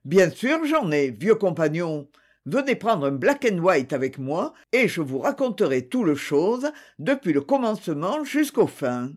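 A man's voice: high voice, sing-song, unhurried, exaggerated voice. A man voicing a cheerful, plump, bumbling Englishman who talks in jovial, clumsy phrases.

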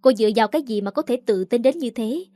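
A scornful young man speaks in a cutting, contemptuous way, as a woman narrator reads him out. The voice sits a little high and sounds close and dry, with no room around it. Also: expressive, quick pace, warm tone, dry recording, natural voice.

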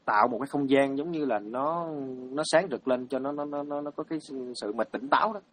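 Male monk, halting dharma storyteller, middle-pitched. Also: fairly bright tone. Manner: hesitant, many fillers and repeated words. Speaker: Buddhist monk.

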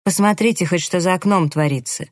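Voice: medium pitch, no room sound, studio quality, pitched above the performer's own voice, natural voice. A reader voicing a condescending man who coaxes his secretary in an audiobook. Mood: scolding. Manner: coaxing, slow, smirking. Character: male employer, smooth seducer, condescending. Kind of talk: audiobook character reading.

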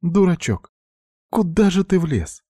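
A fiery, tearful older sister in a storybook reading, high and shrill as she scolds, as a man voices her. Her lines are slow and insistent, set against a dry, close sound. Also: lively intonation, warm tone, no echo. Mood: scolding.

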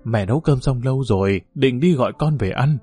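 A man's voice: medium pitch, expressive, a little fast, mellow, slightly rough, faint music behind. A man reading the part of an old half-blind village mother, fretful and nagging.

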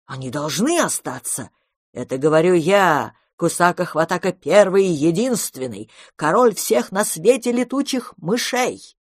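A woman's voice: fairly low pitch, animated, measured pace, no echo, clean studio sound. Lady voicing a pompous little bat king, shrieky and indignant, storybook. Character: pompous deposed bat king, shrill and bossy.

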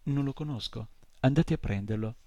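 Guy reading as grumbly impatient old centaur doc, gravelly dark voice, dry sound. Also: medium pitch, moderate pace, no echo, lightly acted. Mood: gruff. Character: old male centaur healer, impatient and gruff. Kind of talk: audiobook reading.

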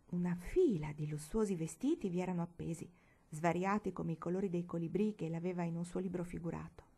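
A woman narrating a literary audiobook with expressive, dramatic storytelling. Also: on the low side, fairly quick, husky. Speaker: audiobook reader.

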